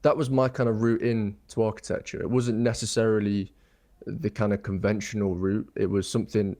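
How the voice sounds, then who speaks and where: A young architect from England, guest on an interview show, speaks briskly in a level, dark-toned, fairly low voice. His casual, thoughtful talk rambles, packed with ums and false starts as he returns to earlier words.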